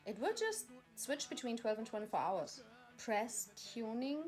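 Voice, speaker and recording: A woman's voice: on the high side, very animated, unhurried, darkish tone, soft background music. A woman ranting in exasperation as she reads instructions aloud, repeating herself. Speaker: vlogger. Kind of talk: frustrated vlog monologue reading instructions aloud.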